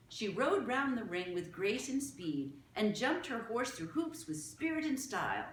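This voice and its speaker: A woman reading a children's novel aloud with expressive storytelling. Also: medium pitch. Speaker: reader. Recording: echoey room.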